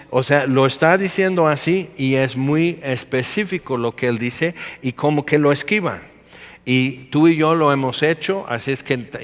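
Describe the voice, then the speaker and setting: A man with a Mexican Spanish accent preaching a conversational sermon, chatty, full of quick asides and acted-out quotes. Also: medium pitch. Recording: long hall reverb.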